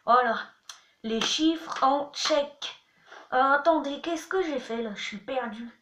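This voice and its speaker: A woman's voice: sits high, measured pace, pushed and bright, slight background noise. A young woman in a casual vlog, chatty and playful, teaching words and poking fun at herself. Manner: chatty, playful, self-mocking. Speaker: vlogger. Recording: echoey room, mic at a distance.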